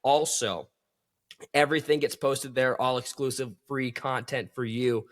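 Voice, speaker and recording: A man's voice: mid-range voice, fairly even intonation, a little slow. A man hosting a solo sports podcast, talking with enthusiasm and calling his listeners folks.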